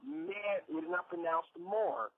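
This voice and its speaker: A man's voice: fairly high pitch, a little slow, a crowd in the background. A man on a call-in radio debate, blunt and challenging, demanding answers. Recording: dry tinny phone line.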